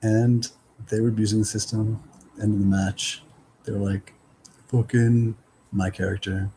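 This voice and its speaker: A man's voice: fairly low pitch, level tone, moderate pace, warm tone, a little hiss or hum, rough recording. A man talking in a loose, meandering casual monologue, full of fillers and little quoted exchanges.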